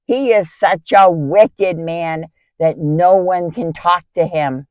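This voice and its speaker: A woman's voice: lowish voice, takes it slowly, darkish tone, dry recording, lo-fi sound. A woman playing an alarmed male shepherd servant, pleading urgently and emphatically in a Bible drama. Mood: warning.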